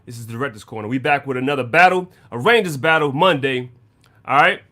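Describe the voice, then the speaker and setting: A man's voice: mid-range voice, brisk, bright, forceful tone. A male show host chatting casually on a video call, hyped and slangy, often asking "you know what I'm saying?". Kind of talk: casual chat.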